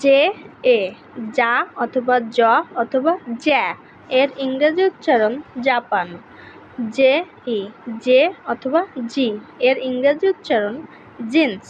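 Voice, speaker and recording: A woman teaching a pronunciation lesson, reading out letter pairs and example words one by one in a slow, deliberate way. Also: high-pitched, darkish tone, slight background noise, low-quality recording.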